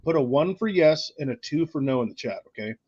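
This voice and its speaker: A man's voice: on the high side, expressive, a little mellow, slightly rough, dry recording, dull audio. A man hosting a casual livestream chat, often repeating words as he gets going. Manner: halting, repeats words when starting. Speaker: channel host.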